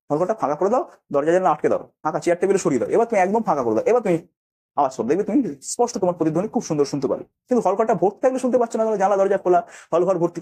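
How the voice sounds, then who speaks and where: A man's voice: sits high, warm tone. A man teaching a school physics lesson, often stopping to check that students follow and acting out echoes by calling words twice. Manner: explains with repeated check questions, acts out echoes. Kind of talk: classroom lesson.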